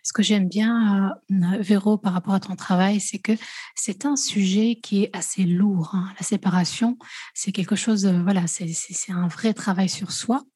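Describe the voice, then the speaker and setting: A woman hosting an interview podcast warmly welcomes her guest, often hesitating with fillers. Her voice is medium-pitched, husky and steady at a moderate pace, with no room sound.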